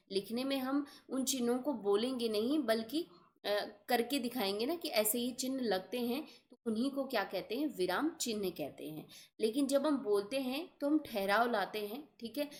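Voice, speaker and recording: A woman's voice: on the high side, slight background noise. A young woman teaching an exam-prep grammar lesson, explaining patiently and often checking that her students follow.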